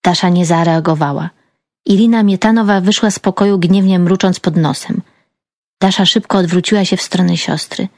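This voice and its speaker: A woman reading an audiobook aloud in measured scripted narration. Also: lowish voice, steady tone, darkish tone, dry recording, clean studio sound.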